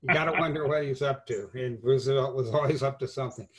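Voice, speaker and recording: A man interviews a guest in a conversational way, asking questions and reacting with quick, friendly interjections. His voice sits at an ordinary middle pitch. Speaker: interviewer host.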